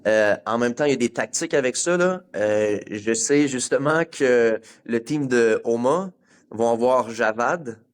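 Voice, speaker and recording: Man, québécois accent, competitor, relaxed, hesitant, fillers. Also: medium pitch, measured pace, clear, resonant tone. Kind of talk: casual interview.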